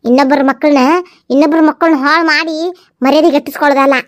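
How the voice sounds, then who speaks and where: A resentful young mother, played by a woman, scolds in a high voice and a North Karnataka Kannada accent. Her lines come as steady, accusing jabs. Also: racing, natural voice. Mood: scolding. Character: angry young mother Lakshmi, bitter and scolding.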